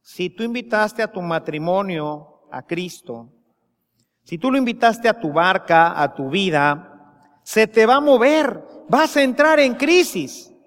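Slow, high-voiced Mexican preacher in a reverberant church. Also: male voice, animated, a bit bright. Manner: slow and emphatic, rising to impassioned pleas. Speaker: priest. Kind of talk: sermon.

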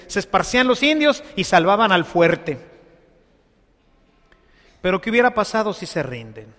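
A man's voice: high-pitched, a bit bright. A man preaching a sermon in a conversational way, often asking his listeners for agreement. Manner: conversational, asks the congregation for agreement. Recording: long reverb of a large hall.

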